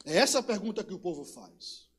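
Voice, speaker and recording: A man's voice: high voice, expressive, moderate pace. A man with a Brazilian Portuguese accent preaching a sermon, telling personal stories and repeating rhetorical questions with emphasis. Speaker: pastor.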